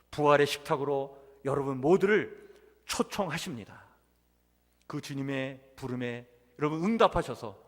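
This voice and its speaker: High-voiced pastor preaching in a church hall. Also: male voice. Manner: earnest preaching, swelling on key words, addresses the congregation. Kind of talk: sermon. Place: church sanctuary. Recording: long reverb of a church hall.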